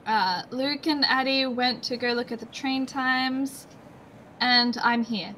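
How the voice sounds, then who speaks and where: A woman with a high, bright voice speaks slowly as a tabletop player. She is casual, halting and giggly, with faint noise behind her. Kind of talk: casual chat, describing her character's actions. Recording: noisy room recording.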